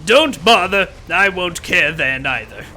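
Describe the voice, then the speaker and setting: A man's voice: high voice, lively intonation, noisy background. A man hamming up a gloating pompous villain. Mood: sardonic. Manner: theatrical, hammy and sarcastic, with dramatic drawn-out words. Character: pompous gloating male demon-scientist villain, self-important. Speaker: let's play host. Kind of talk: villain-persona game commentary.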